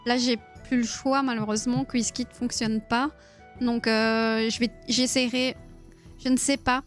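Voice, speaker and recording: Giggly woman in her thirties, slightly high voice. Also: level tone, a little slow, faint music behind. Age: 30s. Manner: giggly and playful, chatting with viewers. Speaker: streamer running a live quiz. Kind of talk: casual live-stream chat.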